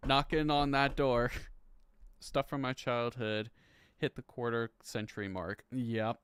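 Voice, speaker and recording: A man's voice: medium pitch, steady tone, takes it slowly, pauses often, clear, resonant tone, no room sound. A man in his thirties chatting casually on a live stream, rambling and swearing, laughing between lines and stumbling as he reads legal text aloud. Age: 30s. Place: home room.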